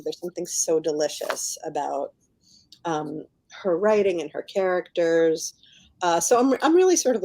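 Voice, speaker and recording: In a chatty book interview, a middle-aged American author speaks informally with a lowish, darkish voice. She peppers her talk with "like".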